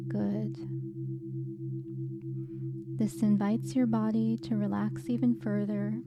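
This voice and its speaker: Female hypnosis guide, mid-pitched, very slow and soothing, giving gentle relaxation instructions. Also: background noise.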